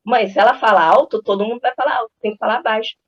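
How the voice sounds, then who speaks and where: Fast-talking chatty woman telling parenting stories. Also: on the high side, highs cut off. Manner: chatty, storytelling, acts out quoted dialogue. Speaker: parenting channel host. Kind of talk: casual advice talk with anecdotes.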